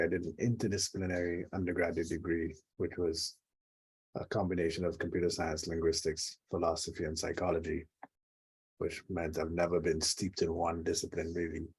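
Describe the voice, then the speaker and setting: Low husky-voiced man telling stories. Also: flat delivery, a little fast, darkish tone, rough recording. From Trinidad and Tobago. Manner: reflective storyteller, dry humor. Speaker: guest, leadership coach. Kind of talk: conversational interview.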